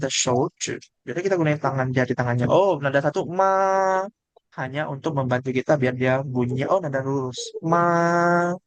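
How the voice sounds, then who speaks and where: A man's voice: mid-range voice, no echo. A man teaching a class the tones of Mandarin pinyin, explaining patiently and asking the students questions.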